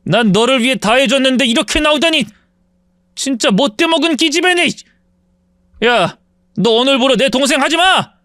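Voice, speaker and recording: A reader doing a pathetic blustering ex-husband. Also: male voice, extremely high pitch, lively intonation, moderate pace, sharp tone, dry recording, clean studio sound, voice pushed up, exaggerated voice. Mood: angry. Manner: gruff, pleading, blustering. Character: pathetic indebted ex-husband, whiny then blustering.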